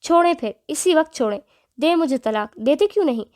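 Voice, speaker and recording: Woman doing angry young wife, defiant, sharp indignant tone, higher voice, audio novel. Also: natural voice. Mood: furious.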